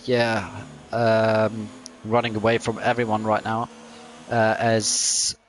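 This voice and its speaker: A man doing live commentary on a sim racing event, pausing often with ums. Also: medium pitch. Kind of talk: live esports race commentary. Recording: clear background noise.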